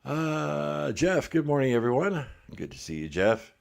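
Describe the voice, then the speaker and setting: Here a middle-aged man hosts a casual livestream in a fairly high-pitched voice, speaking a little slowly with vocal fry. He reads comments and chats in a relaxed way, laughing frequently, while sounding somewhat congested with a blocked ear.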